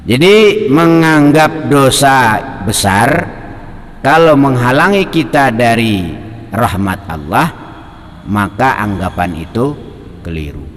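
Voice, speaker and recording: A male Islamic preacher, teaching and telling a story in a lively, colloquial manner, quoting Arabic. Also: on the low side, big-room sound, slight background noise. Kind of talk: sermon on a classical text.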